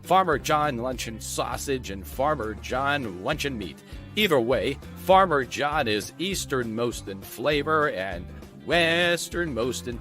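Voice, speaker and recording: Man doing a cheery old radio show pitchman, mid-pitch voice, light music behind. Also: a bit bright. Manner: hearty salesman patter. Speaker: commercial announcer.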